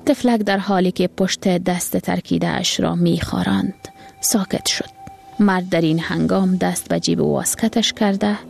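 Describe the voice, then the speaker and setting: Brief: calm female storyteller, gravelly texture. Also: on the low side. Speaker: narrator. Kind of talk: storytelling narration.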